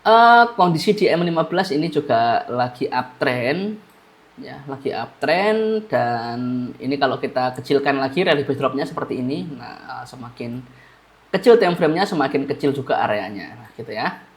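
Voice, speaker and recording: A trading analyst with a stuffy, blocked nose and feeling under the weather casually walks viewers through a chart analysis, often repeating key phrases. His voice is medium in pitch with lively intonation at a moderate pace.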